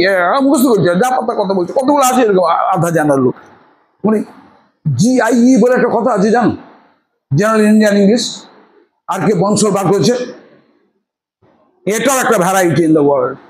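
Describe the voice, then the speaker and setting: A man's voice: high voice, expressive, normal speed, pauses often, crowd noise, low-quality recording. A middle-aged man tutoring students in an informal lecture. He talks emphatically, repeats words for stress and makes chatty asides. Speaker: English tutor.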